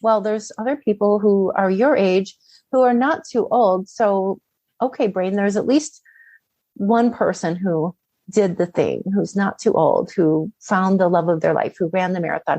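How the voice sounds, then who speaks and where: Speaking as an interview guest, a middle-aged woman shares coaching advice in a conversational way, frequently posing questions and voicing an inner dialogue. She has a warm, medium-pitched voice, recorded dry.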